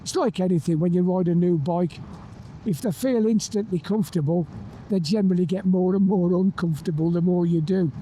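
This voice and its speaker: Chatty rider on a helmet mic. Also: male voice, high voice, fairly quick, mellow, poor audio. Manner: chatty, enthusiastic, talks while riding. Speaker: motorcycle reviewer. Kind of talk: ride-along bike review commentary. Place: on a motorbike on open roads, outdoors. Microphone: motorbike helmet intercom mic while riding. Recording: helmet mic with faint road noise. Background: wind and engine noise.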